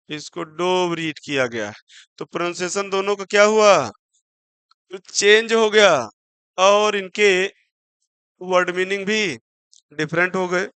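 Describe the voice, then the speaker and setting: In a dry recording, a man speaks in a high-pitched, smooth voice that's a bit bright. He teaches English vocabulary for exams in a Hindi-English mix, answering his own questions, spelling words letter by letter, and slowing right down on example sentences.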